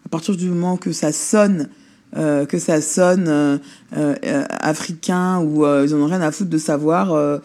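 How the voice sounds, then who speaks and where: A woman's voice: sits low, fairly even intonation, measured pace, darkish tone. A woman actress speaking bluntly and casually in an interview. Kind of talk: documentary interview.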